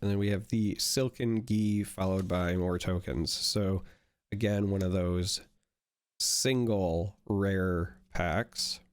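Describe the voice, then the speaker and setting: Opening card packs and chatting casually, a young man whose voice is still a bit worn from illness rambles with frequent fillers and restarts. He speaks slowly in a low, clean-toned voice with fairly even intonation, recorded at studio quality with no echo.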